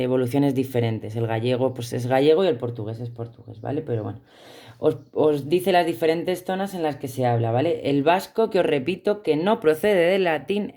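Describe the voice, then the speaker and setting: A woman's voice: sits low, warm tone. A woman teaching a class with a Spanish accent from Spain, explaining step by step and checking in with her students. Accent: Spanish from Spain, not Andalusian. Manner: explanatory, checks in with frequent "¿vale?". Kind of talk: recorded remote class lesson.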